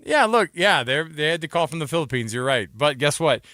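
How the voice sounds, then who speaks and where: A man's voice: fairly high pitch, a little fast, no echo, studio quality. A man in his forties hosting a radio talk show, chatting casually and slipping into put-on voices for his stories. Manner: animated, slips into put-on voices for anecdotes. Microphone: studio mic.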